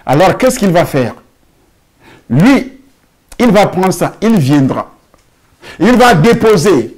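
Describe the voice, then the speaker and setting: A pastor preaching a sermon and telling a testimony, with emphatic, drawn-out phrasing and rhetorical questions. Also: male voice, high-pitched, big pitch swings, darkish tone. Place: church hall.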